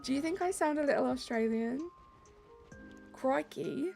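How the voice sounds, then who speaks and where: A high-pitched, mellow, gravelly voice belongs to a British woman streaming a game. She talks a little slowly, chatting casually and bubbling through her chat messages as light music plays.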